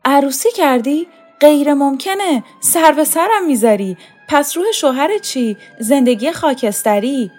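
A woman's voice: fairly high pitch, lively intonation, a little mellow, voice pushed up, close to an everyday voice. A woman reading a story, voicing a lovesick young man who pleads in an impassioned, raised voice. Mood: disbelieving. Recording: faint music underneath.

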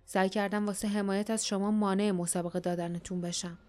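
A woman reading the lines of a gruff, secretive rebel man who talks in a dry, curt way. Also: mid-range voice, little pitch movement, darkish tone, natural voice.

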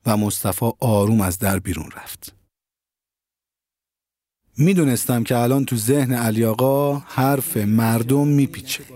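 A man narrating an audio story in a calm, measured storytelling manner, recorded close to the mic. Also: mid-range voice, no room sound.

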